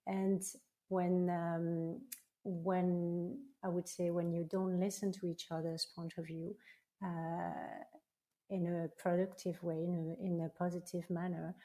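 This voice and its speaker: Mellow-voiced female coach, thoughtful. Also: fairly low pitch. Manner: thoughtful, hesitant with fillers. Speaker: guest, leadership coach. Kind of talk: podcast interview.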